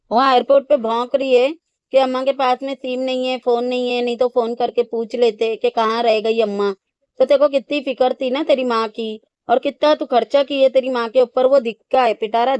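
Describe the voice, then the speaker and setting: A woman's voice: a little high, a little mellow, clean tone, no room sound. A woman giving angry, sarcastic commentary on a vlog, scolding and insulting the people in it as she reacts. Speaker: reaction channel host.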